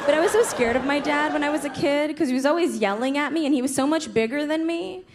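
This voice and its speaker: A woman from the United States doing a stand-up set on a club stage, with punchy delivery and quick switches into parent voices. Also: high voice. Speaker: stand-up comedian. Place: comedy club stage with audience laughing. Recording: live club recording with crowd noise.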